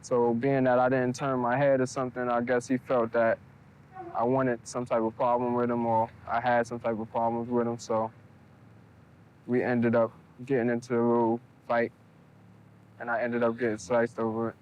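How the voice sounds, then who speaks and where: A man, telling his story slowly and plainly in a documentary interview. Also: medium pitch, completely flat delivery, a little mellow, smooth, rough recording. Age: 20s. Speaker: interviewee, local resident.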